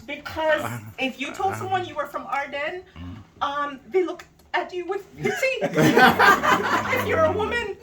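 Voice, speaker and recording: A woman's voice: very high voice, animated, a little slow. A woman who went to the school, telling a joking story and laughing through her words. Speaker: guest, former student. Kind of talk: casual chat. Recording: distant mic with loud background noise.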